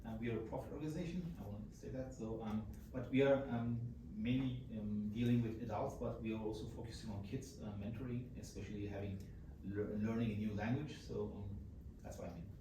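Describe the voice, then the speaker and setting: Fast, halting man. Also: on the low side, steady tone. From Germany. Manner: halting, many pauses. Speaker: workshop participant. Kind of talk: self-introduction. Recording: echoey hall from far off, noisy.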